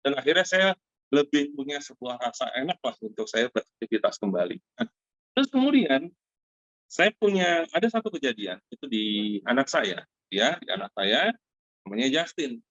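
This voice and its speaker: A middle-aged man speaks over a muffled, lo-fi video call. The room sounds dry and close. He tells a personal story in a lively way and stops often for fillers and asides to his friends. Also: mid-range voice, moderate pace, no echo. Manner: animated storyteller, addresses listeners as friends, many fillers. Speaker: Zoom meeting host giving a product testimonial. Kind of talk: casual spoken testimonial to an online group.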